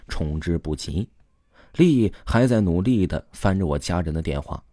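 Male audiobook narrator, sorrowful storytelling read with rolled erhua endings, warm dark tone, lively pitch. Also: dry recording, studio quality. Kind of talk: first-person story narration.

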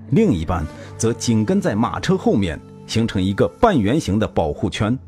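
A male storyteller narrates history with dramatic flair. His low voice rises and falls a lot, and faint music plays beneath. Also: darkish tone.

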